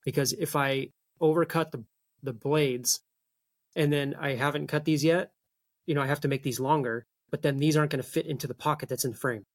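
A man's voice: a little high, steady tone, brisk, no room sound, studio quality. A man in casual shop talk, a machinist thinking aloud as he works through his plan. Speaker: machinist making folding knives.

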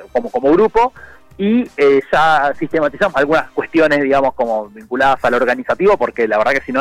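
A man's voice: a little high, no echo, poor audio. Rambling Argentine guy, dry sound. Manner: relaxed, rambling, many fillers and restarts. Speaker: murga member, guest. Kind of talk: casual phone interview.

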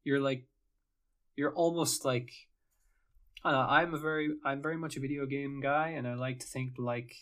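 A man talks through his solo podcast in a loose, meandering way, drifting into tangents and leaning on plenty of fillers. His voice sits at an ordinary middle pitch. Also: fairly even intonation, normal speed, pauses often, fairly bright tone. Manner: rambling, tangent-prone, many fillers. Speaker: podcast host. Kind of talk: casual solo podcast monologue.

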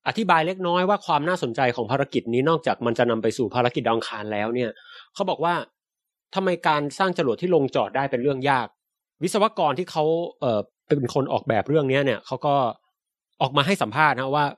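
A man talking quickly in a dry, close-miked studio, co-hosting a casual science podcast. He explains space news patiently and politely, restarting often as he finds his words. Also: mid-range voice, lively intonation, dry recording.

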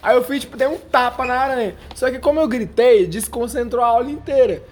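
A man's voice: extremely high pitch, brisk, a little mellow. A young man, telling a story in casual slang, laughing now and then. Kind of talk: casual chat.

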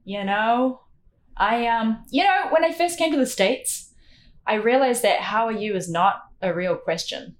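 A woman's voice: a little high, animated, unhurried. A woman with a New Zealand accent chatting as a podcast guest, giggly and full of fillers. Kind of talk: casual podcast chat.

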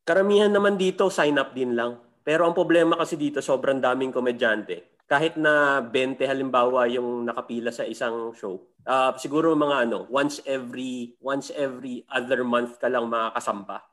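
A man's voice: mid-range voice, moderate pace, fairly bright tone. A man who is a comedian, chatting casually as a guest with a dry, joking delivery. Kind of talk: casual chat.

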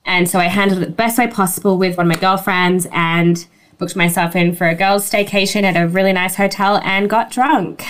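A woman's voice: mid-range voice, steady tone, fairly quick. A woman telling a personal story as an interview guest, in a casual, conversational way peppered with "like" and "you know".

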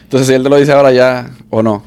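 A man with a Dominican Spanish accent, hosting a casual podcast chat, relaxed and playful. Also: mid-range voice, quick pace. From Dominican Republic. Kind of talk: casual conversation.

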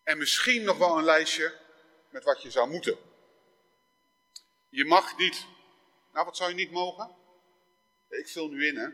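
A man's voice: on the high side, unhurried, long pauses, bright, forceful tone. A man preaching a sermon in a church, talking conversationally and reading scripture aloud with dramatic force. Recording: reverberant church hall.

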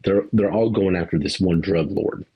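This podcast co-host, a grown man with kids, talks at a normal speed in a low, husky voice, and the recording has its highs cut off. He meanders casually through a film review, with the occasional laugh and curse.

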